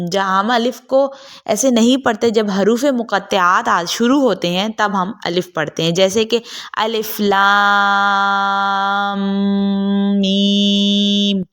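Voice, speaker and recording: A woman giving a Quran pronunciation lesson, explaining patiently and repeating sounds slowly to demonstrate them. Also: mid-range voice. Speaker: Quran tajweed teacher.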